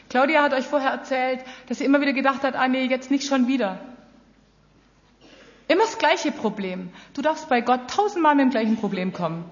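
A woman preaching with a fairly high voice, addressing her listeners earnestly and directly. The recording is muffled and dull, with a long reverb trailing off the walls of a large hall. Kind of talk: sermon.

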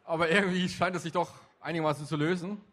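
A man's voice: a little high, fairly even intonation, quick pace, a bit bright. A middle-aged man who works with youth gives a chatty, joking talk to a young audience and keeps asking them questions. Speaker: youth worker speaking at a youth event.

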